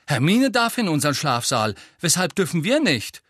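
A man doing Ron, an excitable, hot-tempered teenage boy. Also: mid-range voice, breathy edge, no room sound, clean studio sound. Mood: agitated. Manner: indignant, quick to blame.

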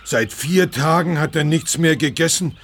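A man's voice: on the high side, normal speed, a little hiss or hum, close to an everyday voice. An actor playing a kind, caring male friend of the animals in a children's audio drama, speaking earnestly. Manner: earnest, gentle.

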